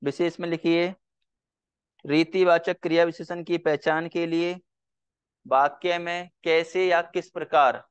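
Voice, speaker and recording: Guy teaching grammar, dictating real slow, says stuff over and over, kinda muffled lo-fi sound. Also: a little high, steady tone, smooth. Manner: repeats phrases slowly for dictation. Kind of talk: classroom grammar lesson, dictating.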